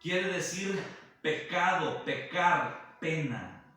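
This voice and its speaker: Man preaching, slow deliberate delivery, bright tone, very echoey room heard from a distance, faint music behind. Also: on the high side, lively intonation. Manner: slow and deliberate, repeatedly calling the listener brother. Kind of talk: sermon teaching.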